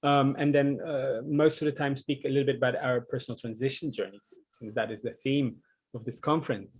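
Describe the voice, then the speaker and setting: Presenter: a man from the Netherlands, in his thirties, thoughtful and a bit halting, on a conference call. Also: mid-range voice, fairly even intonation, darkish tone, slightly rough, poor audio. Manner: earnest, reflective, with frequent ums. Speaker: social enterprise founder presenting. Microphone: video call.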